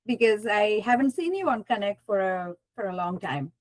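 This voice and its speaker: A woman's voice: medium pitch, expressive, normal speed, dry recording. A woman hosting a casual livestream interview, encouraging her guests and thanking them. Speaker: host.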